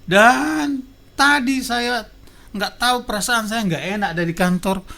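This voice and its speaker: Man putting on a shrill furious wife. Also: a little slow, vocal fry, pushed and bright, exaggerated voice. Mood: indignant. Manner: shrill, indignant, pleading in bursts. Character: furious betrayed middle-aged wife. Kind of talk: acted quote in a radio talk.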